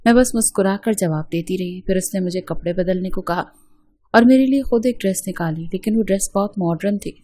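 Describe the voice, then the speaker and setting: A woman telling a scripted story in the first person, in a steady and even way. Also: medium pitch, husky, no echo.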